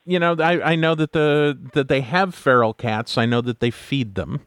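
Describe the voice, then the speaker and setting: A man hosting a podcast interview, talking in a relaxed, halting way. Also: medium pitch, no room sound, clean studio sound. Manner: relaxed, halting, lots of fillers. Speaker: podcast host. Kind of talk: casual interview chat.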